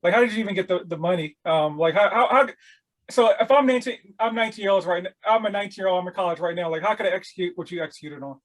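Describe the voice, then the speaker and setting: High-voiced fast-talking male host. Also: rough recording. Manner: eager, quick backchannel affirmations. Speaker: podcast host. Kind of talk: casual interview talk.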